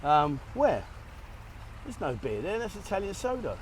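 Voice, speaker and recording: A middle-aged man talks to his handheld camera at a cafe, rambling cheerfully and laughing at his own slips. His voice sits a touch high for a man. Faint street noise hums behind him. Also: wildly swooping pitch, unhurried. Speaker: travel vlogger. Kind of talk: casual vlog chat to camera. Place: cafe in Thailand, partly outdoors.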